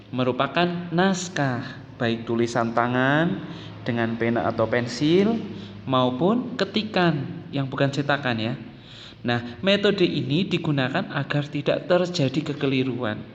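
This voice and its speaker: A man's voice: medium pitch, big-room sound, dull audio, slight background noise. A man with an Indonesian accent explains public speaking methods to an audience, often adding "nah" and "ya". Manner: explanatory, addresses listeners, frequent "nah" and "ya". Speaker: instructor. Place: office or meeting room.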